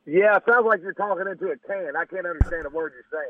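A man's voice: high voice, fast talker. A man calling into a radio show, heard over a tinny phone line, needling the host in a mocking way. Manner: teasing, mocking. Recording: dull phone line with faint hiss.

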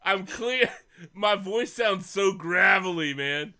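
High, animated man bantering crudely. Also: slow, noisy background. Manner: crude, joking, profane, prone to laughing. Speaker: sports podcast host. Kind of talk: boozy casual banter. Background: laughing co-hosts.

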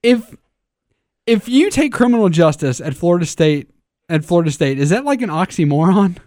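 A man's voice: sits high, big pitch swings, moderate pace, mellow, dry recording, studio quality. A man hosting a casual sports talk show, stammering through restarts as he poses questions to his co-hosts.

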